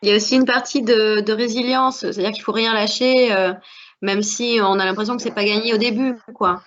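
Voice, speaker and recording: A woman's voice: fairly high pitch, fairly even intonation, brisk, a bit bright. A woman from France with a French accent, speaking earnestly as a guest with many hesitations in a panel discussion. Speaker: alumna guest. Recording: dull lo-fi audio.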